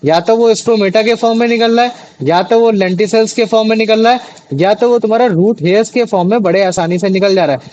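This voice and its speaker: High-voiced man teaching a class. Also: fast talker, a little mellow, dull audio. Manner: chatty, repeats questions to students, many fillers. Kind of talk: classroom biology lesson.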